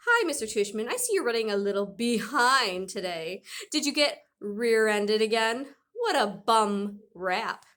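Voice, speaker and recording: A woman voicing a father putting on a fake high old lady's voice over a loudspeaker. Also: animated, measured pace, few pauses. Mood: mocking.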